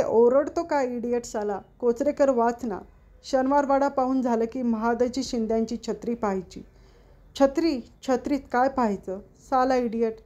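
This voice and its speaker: Mellow-voiced woman storyteller reading a comic tale. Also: on the high side. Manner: lively, switching between characters. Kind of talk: expressive reading of a humorous story.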